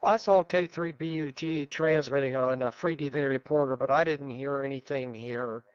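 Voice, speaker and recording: Easygoing net controller, lo-fi radio audio. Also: male voice, medium pitch, steady tone, normal speed, no room sound. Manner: easygoing, rambling with restarts. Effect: heard over a ham radio transmission. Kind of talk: running an amateur radio net.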